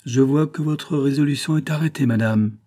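A man's voice: medium pitch, normal speed, dark tone, voice pushed up, close to an everyday voice. A man reading a wounded, lovelorn count. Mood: concerned. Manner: restrained and sighing. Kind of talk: audiobook character voice.

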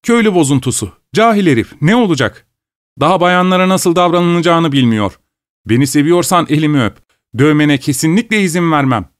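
A man's voice: fairly high pitch, animated, a little fast, no echo, clean studio sound, pitched above the performer's own voice, lightly acted. A man voicing a haughty, scolding young wife in a storybook reading, raised well above his own voice. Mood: scornful. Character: shrill scornful young wife, a fine lady.

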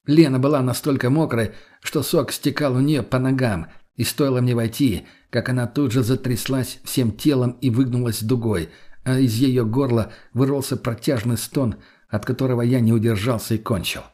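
A man reading a first-person audiobook in a steady, matter-of-fact way, with a husky voice. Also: mid-range voice, normal speed. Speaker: audiobook narrator.

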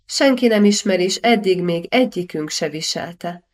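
A woman's voice: on the low side, lively intonation, a little mellow, lightly acted. A woman voicing a scheming, passionate young medieval princess in an audiobook, teasing and self-assured.

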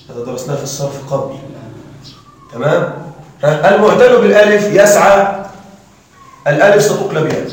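A man teaching Arabic grammar to a class, often checking that students follow and repeating examples slowly. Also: on the high side. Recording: very echoey room, mic far off.

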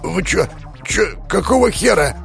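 A man voicing a foul-mouthed, panicky gang boss in an audiobook, with a hoarse, rasping voice. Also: high-pitched, expressive, a little slow, a bit bright, faint music behind, pitched above the performer's own voice, exaggerated voice. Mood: bewildered. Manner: foul-mouthed, frantic, pleading. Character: hoarse middle-aged male gang boss, brash then panicked. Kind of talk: audiobook character voice.

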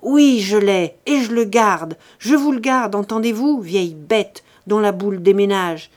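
A sly grown son who taunts and sneers, as a woman reader puts him on. He speaks loud and a little high, pushing each jab. It stays close to a plain reading voice from a storybook recording. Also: animated, moderate pace, close to an everyday voice. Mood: shouting.

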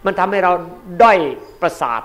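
A Buddhist monk gives an emphatic dharma sermon at a moderate pace, repeating key words and swinging between loud and soft.

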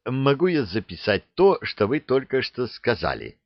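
A man voicing a pushy young female TV reporter asking brisk, probing questions. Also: mid-range voice, very animated, no room sound. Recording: dull dry recording.

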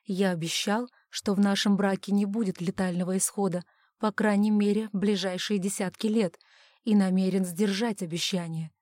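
A woman's voice: mid-range voice, fairly even intonation, normal speed, a little mellow, dry recording, clean studio sound, close to an everyday voice. A woman voicing a desperate, loving husband whose voice cracks with alarm, in an audiobook. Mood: wry tenderness.

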